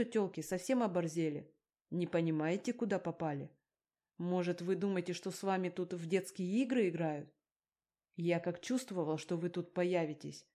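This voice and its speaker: A woman voicing a crude, menacing bald male gangster who talks loudly and with contempt, in an audiobook reading. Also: lowish voice, natural voice. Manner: loud, bullying and contemptuous. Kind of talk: audiobook character voice.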